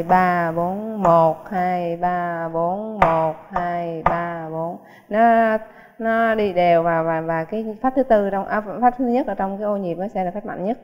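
A woman's voice: medium pitch, background noise. A woman teaching a piano lesson in a casual, chatty way, counting beats aloud and explaining with everyday comparisons. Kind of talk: casual spoken music lesson. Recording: muffled sound with a long hall reverb.

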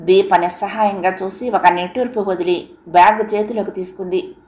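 A woman's voice: medium pitch, fairly even intonation, moderate pace, dark tone. A woman narrating an audio novel in an emotive, dramatic reading style. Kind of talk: expressive storybook narration. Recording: roomy echo.

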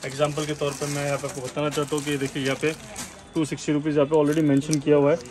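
A man in his thirties, a shop owner, giving a brisk sales pitch and listing prices while walking through his large indoor store. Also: monotone, a little mellow. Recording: crowd noise in busy shop. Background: busy shop chatter.

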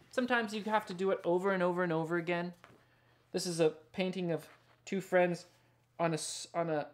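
An illustrator and picture book author casually shows and demonstrates his drawing, musing and talking to himself as he works. His voice is a little high, and he's indoors in a small studio filled with books and records.

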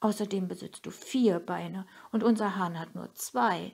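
A woman voicing a clever, flattering hen who sweet-talks her way out of danger, in a storybook reading. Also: medium pitch, unhurried, creaky, slightly rough.

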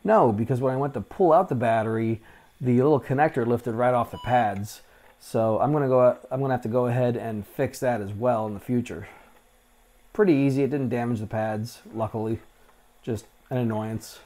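Here a man with a mid-range voice and moderate pace guides viewers through restoring old hardware on his vintage computer channel. He's in his forties, relaxed and talkative, recorded on a lapel mic at a desk in a small room, with plenty of "uh" fillers.

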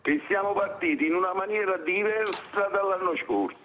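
Man in his seventies, Neapolitan accent, fairly high voice, casual caller, dull phone line. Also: normal speed, fairly bright tone, a little hiss or hum. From Bacoli area, Naples, Italy. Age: 70s. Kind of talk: casual chat. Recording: muffled phone line into TV show.

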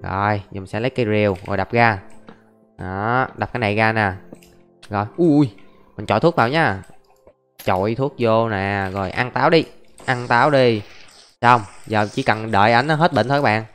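A man's voice: fairly low pitch, moderate pace, fairly bright tone, clear, resonant tone. Chatty young man narrating his gameplay. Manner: chatty, narrates each step, often calls out to viewers. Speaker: gaming YouTuber. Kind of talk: casual Let's Play commentary. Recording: faint background music.

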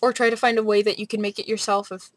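A young adult woman rambling casually in a vlog, with an animated, sardonic manner. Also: medium pitch, quick pace, no echo. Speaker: vlogger. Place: small bright room at home, indoors.

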